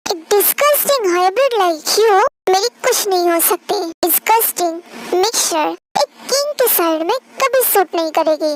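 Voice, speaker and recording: A woman's voice: very high voice, lively intonation, normal speed, a little hiss or hum. A woman voicing a cruel, arrogant young male vampire king who taunts and insults, in a storybook dub with music behind. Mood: taunting. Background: background music.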